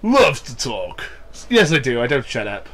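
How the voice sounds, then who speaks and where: Unhurried and mid-range, with huge swings in pitch, a nasal-sounding young man with a cold jokes and swears his way through commentary on a wrestling game. This YouTuber reads lines aloud and bursts into loud mock cheers.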